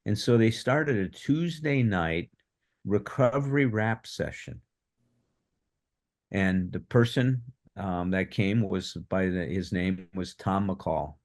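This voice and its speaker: Older man telling his story, low voice. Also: takes it slowly. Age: 70s. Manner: animated, acts out quoted dialogue. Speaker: workshop speaker on addiction recovery. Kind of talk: personal storytelling.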